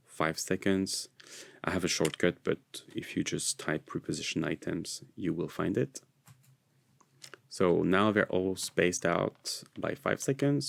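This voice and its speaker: A man with a low, creaky voice narrates a screencast tutorial in a casual, explanatory style, with slight noise in the background. He's a software tutorial presenter whose first language isn't English, and his English leans American.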